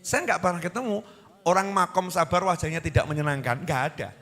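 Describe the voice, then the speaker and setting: A man's voice: high-pitched, fast, long reverb tail. A man with a Javanese accent preaching a sermon, often putting questions to his audience. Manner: lively, animated, asks the audience questions.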